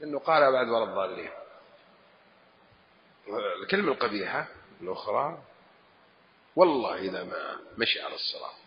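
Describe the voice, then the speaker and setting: A man's voice: fairly low pitch, expressive, brisk, pauses often. A man, a religious scholar giving a lesson and answering questions, speaking emphatically and acting out the phrases he quotes. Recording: echoey hall, dull lo-fi, faint hiss.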